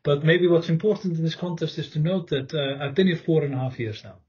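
A middle-aged man from Iceland, a guest academic explaining his background in a halting, thoughtful way. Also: fairly high pitch, mellow, slightly rough, lo-fi sound. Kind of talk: podcast interview. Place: room with host.

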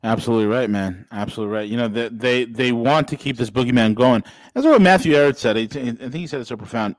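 A podcast host in his forties speaks directly to listeners on a casual political show, his medium-pitched voice moving at a quick pace with preachy, rising emphasis. The recording is dry.

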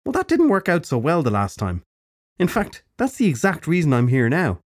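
A man reading an audiobook, voicing a cackling old crone who is blunt and wise, in brisk, matter-of-fact lectures. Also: fairly high pitch, wildly swooping pitch, voice pushed up. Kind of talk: audiobook narration.

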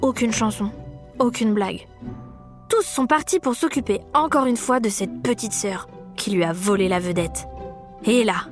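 Woman reading a bedtime-style kids' story, fairly high voice, faint music behind. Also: moderate pace. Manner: expressive, lively reading for young children. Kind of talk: children's story narration.

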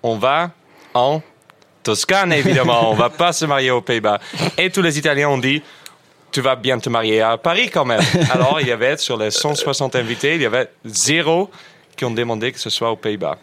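A man's voice: mid-range voice, animated, fairly quick, a bit bright, dry recording. A man from the Netherlands, speaking French on a radio panel and telling wry anecdotes. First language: Dutch. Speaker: radio columnist. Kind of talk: casual radio panel chat.

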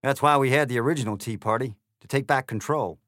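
A man's voice: mid-range voice, quick pace, fairly bright tone, no echo, clean studio sound, voice pushed up, natural voice. Man doing a smug drawling hare. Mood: brash. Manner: brash, turning icy and menacing.

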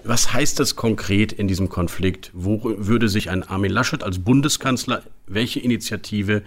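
A man's voice: on the low side, moderate pace. A male interviewer posing probing, conversational questions to a politician.

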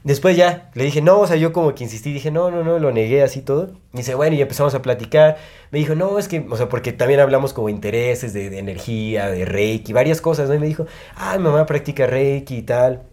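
A man's voice: mid-range voice, a little fast, darkish tone. A young man with a Mexican Spanish accent, rambling through a personal story on a podcast with lots of fillers and restarts. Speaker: podcast co-host. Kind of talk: casual chat, storytelling.

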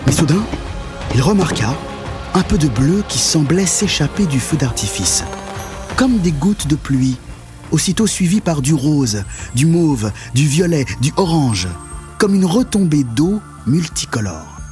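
A man reads a children's story aloud in an expressive voice. His intonation rises and falls widely and he builds up the exciting moments. A faint music bed plays behind him. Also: fairly high pitch, a little slow. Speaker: narrator.

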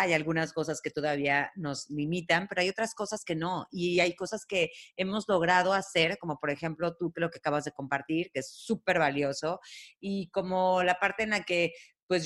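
A woman's voice: lowish voice, a bit bright. A woman with a Mexican accent hosting a podcast, telling stories in a chatty way with lots of fillers. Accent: Mexican Spanish. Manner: chatty, storytelling, many fillers. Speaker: podcast host. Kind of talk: casual chat.

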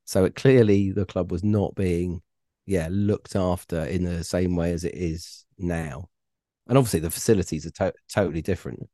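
Hesitant low-voiced man. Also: steady tone, moderate pace, dark tone, no room sound, studio quality. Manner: hesitant, many ums and restarts. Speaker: podcast guest, former radio reporter. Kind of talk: casual interview chat.

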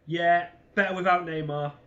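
A man co-hosting a casual football podcast, quick to agree and laughing often. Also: on the high side, fairly even intonation, pushed and bright. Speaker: podcast co-host. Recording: dull lo-fi sound.

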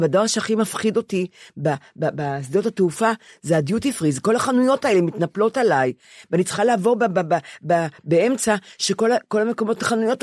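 A woman's voice: mid-range voice, darkish tone, no echo, clean studio sound. A woman in her seventies talking candidly as a podcast co-host, often stopping to restart and repeat words. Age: 70s. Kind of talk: candid conversation.

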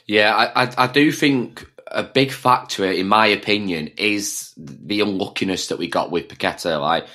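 Deep-voiced blunt football fan. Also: male voice, moderate pace, sharp tone. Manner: blunt, swears, laughs easily. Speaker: podcast co-host, season-ticket fan. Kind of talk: casual football chat.

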